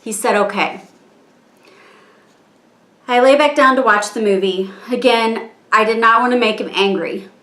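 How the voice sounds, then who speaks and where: A woman's voice: on the high side, a bit bright. Woman reading aloud, echoey room. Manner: measured, halting reading with pauses. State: strained, struggling to keep composure. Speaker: person reading her own statement. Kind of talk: reading a written statement aloud.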